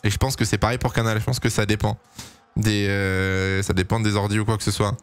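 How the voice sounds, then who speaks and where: A young man giving casual, excitable live commentary on a race for his stream, pleading and cheering as it unfolds. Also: fairly low pitch, brisk, smooth. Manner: excitable, pleading, swings to shouting at big moments.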